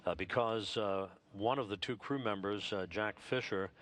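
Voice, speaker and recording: Low-voiced man giving halting mission control commentary. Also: fairly bright tone. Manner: halting, measured official announcing. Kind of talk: live spacewalk commentary.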